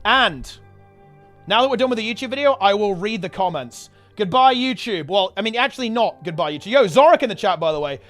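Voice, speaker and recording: A man's voice: high-pitched, lively intonation, fairly quick, fairly bright tone, soft background music. A man streaming casually to his chat, rambling in gamer slang and repeating himself while getting over a sickness. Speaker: game streamer and video host.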